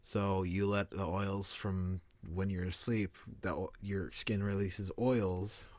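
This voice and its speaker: A man's voice: sits low, level tone, slow, a little mellow, dry recording. Dry-voiced man with short teasing replies. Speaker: podcast co-host. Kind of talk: casual chat.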